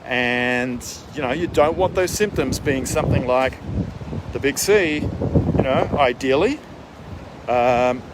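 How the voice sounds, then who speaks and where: A man's voice: mid-range voice, takes it slowly. A man giving casual, emphatic wellness advice like a coach, checking in with the listener as he talks. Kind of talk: casual spoken advice vlog. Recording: windy outdoor mic, boat and water noise.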